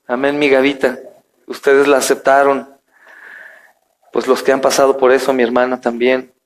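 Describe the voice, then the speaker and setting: A male pastor preaching a sermon, telling a story and reading scripture to his congregation. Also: a little high. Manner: addresses congregation as brothers, storytelling.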